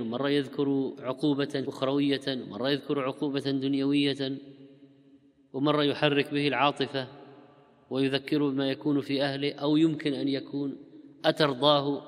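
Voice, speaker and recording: A man's voice: mid-range voice, a bit bright, big-room sound. Man giving a religious Q&A lecture. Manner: reads listeners' questions fast, then explains at length. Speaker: religious scholar answering questions.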